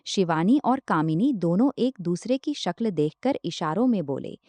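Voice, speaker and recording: A woman narrates a romance novel with a low, mellow voice and lively rises and falls in pitch. She reads every part herself, tagging each speaker by name, and the recording is dry and close. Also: normal speed, no room sound. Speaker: storyteller.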